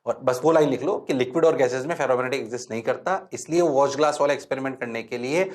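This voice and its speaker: A man teaching physics in a lecture, mixing Hindi and English, often asking his class whether things are clear and telling them to write quickly. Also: medium pitch. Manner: asks students frequent check questions, urges them to write fast.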